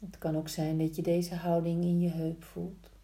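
A woman guiding a yoga practice slowly, in a soft, soothing, hushed voice with long pauses between short instructions. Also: on the low side, monotone. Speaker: yin yoga teacher. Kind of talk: slow guided yoga instruction. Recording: roomy, echoing sound.

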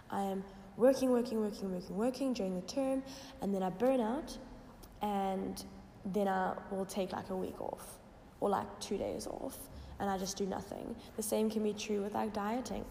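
A woman hosts a casual solo podcast, explaining things informally. Her voice is croaky and slightly hoarse, with a froggy gravel and a soft, mellow tone. The recording sounds reverberant, as if made in a bare room. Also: mid-range voice. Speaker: podcast host. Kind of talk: casual solo podcast talk with lifestyle tips. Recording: echoey, reverberant room with noise.

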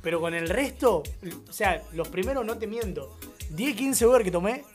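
High-voiced Argentine man telling stories. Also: normal speed, faint music behind. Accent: Argentine Rioplatense Spanish. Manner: animated storyteller, laughs often. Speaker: radio show co-host. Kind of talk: casual live radio chat.

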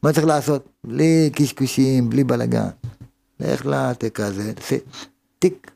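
A man's voice: mid-range voice, fairly even intonation, vocal fry, dark tone, slight background noise. A man, a rabbi, giving a sermon with emphatic delivery and many rhetorical questions.

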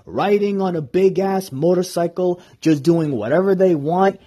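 A man's voice: high-pitched, moderate pace, warm tone, breathy edge. A man in his twenties hosting a solo podcast in a casual, rambling way. He is enthusiastic and self-deprecating. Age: 20s. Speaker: podcast host.

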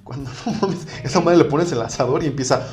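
A man's voice: on the high side, a little fast, crowd noise. A man with a Mexican accent hosting a casual chat, joking and slangy, playing up comparisons like a boxing announcer. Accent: Mexican Spanish. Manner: joking, playful, slangy, boxing-match commentary voice. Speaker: podcast host. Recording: roomy room with music behind.

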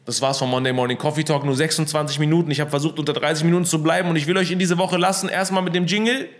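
A man's voice: fairly high pitch, fairly even intonation, very fast. Upbeat man hosting a motivational talk. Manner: upbeat, mixes English phrases into speech. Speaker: host. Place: his apartment. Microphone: studio microphone.

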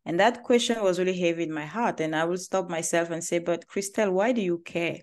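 A woman from Cameroon with a Cameroonian accent, a company founder talking about her life in an interview, earnest and quick to laugh lightly. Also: lowish voice. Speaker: guest, agency founder. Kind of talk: interview conversation.

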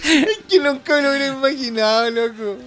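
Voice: sits high, fairly quick, fairly bright tone. A podcast co-host in casual chat who laughs often and teases.

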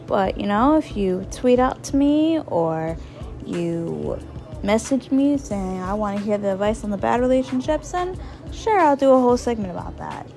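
Gravelly, hoarse woman hosting a podcast. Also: a little high, a little mellow. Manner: rambling, informal, repeats phrases for emphasis. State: hoarse, voice partly lost. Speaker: podcast host. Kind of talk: casual solo advice podcast.

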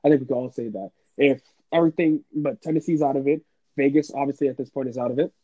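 A chatty man co-hosting a sports podcast, talking in a relaxed, mellow voice with lively asides. The sound is dry and a little dull, like a lo-fi recording. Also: mid-range voice, no room sound. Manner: chatty, animated, quick asides. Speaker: podcast co-host. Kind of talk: casual sports podcast chat.

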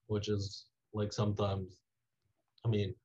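A young man from Taiwan, a student being interviewed, telling a rambling story full of "like" fillers that trails off quietly. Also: on the low side, completely flat delivery, slow. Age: young adult. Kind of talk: casual interview. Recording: dull lo-fi audio.

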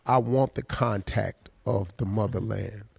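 A man hosting a call-in radio show, talking earnestly and slowing down to stress his points. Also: on the low side, gravelly, a little mellow, husky, dry recording.

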